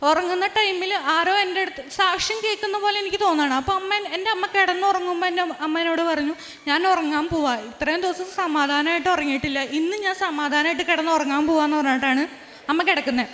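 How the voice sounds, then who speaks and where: Casting: very high-pitched young woman, earnest testimony, echoing hall. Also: steady tone, fairly bright tone, slight background noise. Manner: earnest, halting, with restarts and quoted dialogue. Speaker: testimony giver. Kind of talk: giving a spoken religious testimony. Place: large prayer hall. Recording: long hall reverb.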